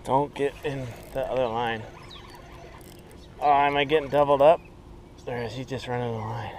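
A man in his forties, fishing from an outdoor riverbank, chatting excitedly to the camera and to the fish he catches. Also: mid-range voice, moderate pace, slight background noise. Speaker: fishing vlogger. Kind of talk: casual narration while fishing. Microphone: chest-mounted action camera.

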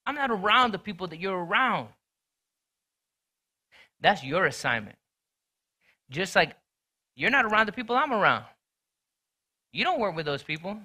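A man preaching a sermon in a conversational, storytelling way, swinging between loud and hushed delivery. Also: high-pitched, very animated, normal speed, long pauses. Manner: conversational, storytelling with sports talk. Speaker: pastor.

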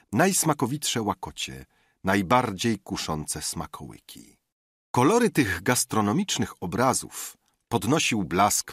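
A man narrating a classic novel in a measured, expressive reading. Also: sits low, slightly rough, dry recording, studio quality. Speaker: audiobook narrator. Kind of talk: scripted narration.

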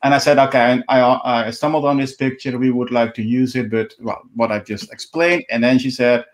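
A middle-aged Dutchman, a native speaker with a Dutch accent, presents a live stream from indoors at home, walking through his screen share informally on a video call. Through the call's microphone his medium-pitched voice holds a steady tone while he stumbles, repeating words and frequently starting over.

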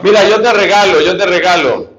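A man's voice: high-pitched, brisk, a bit bright, voice pushed up. Man putting on a sly mocking tempter. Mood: wheedling. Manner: teasing, wheedling. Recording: roomy, slightly dull recording.

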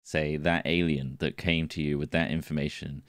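Deep-voiced British man in casual chat. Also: level tone, moderate pace, fairly bright tone, no echo, studio quality. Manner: short wry interjections. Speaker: podcast co-host.

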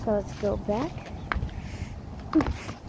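A woman's voice: mid-range voice, lively intonation, extremely slow. A woman filming on her phone as she walks through abandoned buildings, narrating casually and often exclaiming in disbelief. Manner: astonished exclamations, repeats herself. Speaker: vlogger exploring abandoned buildings. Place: outdoors by a roadside and inside an empty shop. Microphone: phone camera held while walking. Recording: phone audio with clear outdoor noise.

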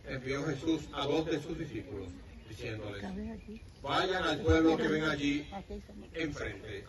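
Echoey distant man reading scripture. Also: mid-range voice. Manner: reads steadily in a measured liturgical cadence. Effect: echoey sound from far off. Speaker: gospel reader at mass. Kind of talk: liturgical reading. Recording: echoey, distant mic, crowd noise. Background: crowd.

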